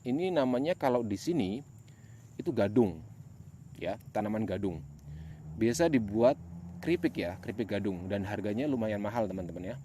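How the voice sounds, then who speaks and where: A man with a fairly low voice narrates a casual walking vlog at night. His manner is uneasy and pious. The outdoor recording carries clear noise, with animal and nature sounds around him. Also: mellow. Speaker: host of a night exploration vlog. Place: outdoors in an overgrown plantation at night.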